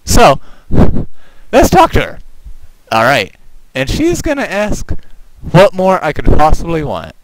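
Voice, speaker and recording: A man's voice: fairly high pitch, no room sound, rough recording. A man, a game developer, giving playful, sarcastic commentary while demonstrating his game. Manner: playful, animated, sarcastic asides. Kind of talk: gameplay walkthrough commentary.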